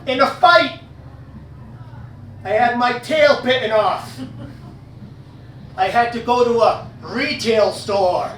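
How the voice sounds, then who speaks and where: A man's voice: very high-pitched, slow pace, pauses often, a bit bright, a little hiss or hum. A man doing live stand-up in a werewolf persona, telling crude punchline jokes, working the crowd and laughing at his own gags. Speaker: stand-up comedian. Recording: echoey room heard from a distance.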